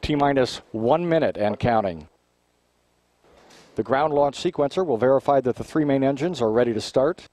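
A man giving formal, measured launch countdown commentary in a technical announcer's manner. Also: medium pitch, animated, darkish tone, no echo.

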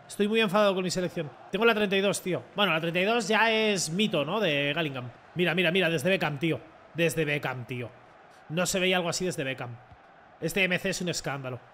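A young man with a Spain Spanish accent, commenting his own football video game in an excitable, mocking way and swearing often. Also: high-pitched, a little hiss or hum. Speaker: gaming content creator. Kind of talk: casual gameplay commentary.

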